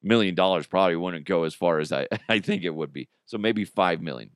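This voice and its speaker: Speaking a touch fast in a low voice, a middle-aged man runs his podcast alone, cracking crude jokes and playing out made-up exchanges. The studio recording is clean, without echo.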